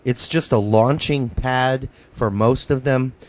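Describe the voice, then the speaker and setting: A man's voice: mid-range voice, slow, a little mellow. A man hosting a casual sports podcast, talking in a rambling way with plenty of ums and uhs. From United States. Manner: rambling, hesitant with many fillers. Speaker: podcast host.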